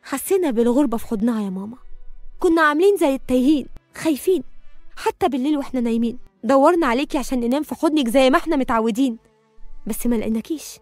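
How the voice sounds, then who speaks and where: A young Egyptian girl pleads with the woman who raised her, her voice high and hurried, as a woman narrator reads her part. She is heard in a dry audio story with faint music. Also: expressive, darkish tone, no room sound. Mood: pleading. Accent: Egyptian Arabic.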